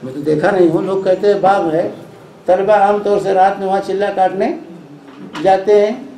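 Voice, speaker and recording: Urdu-accented male lecturer, high voice, patient explainer, echoey hall with faint hiss. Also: normal speed. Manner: calm explanatory, repeats points for emphasis. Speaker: Islamic lecturer. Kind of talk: lecture with audience questions.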